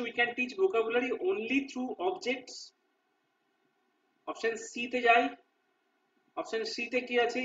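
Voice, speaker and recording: Brief: male tutor, very high bright voice, distant lo-fi recording, explains multiple-choice answers. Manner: reads English options slowly, explains in Bengali with repeated "ঠিক আছে?". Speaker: exam prep teacher. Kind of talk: Bengali lesson walking through multiple-choice questions.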